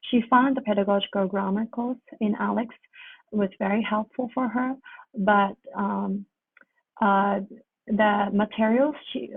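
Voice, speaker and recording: This husky-voiced woman, pitched in the mid range, is a graduate student presenting academic work. She speaks haltingly, hesitating and repeating phrases, over a muffled, phone-like connection that carries roomy echo.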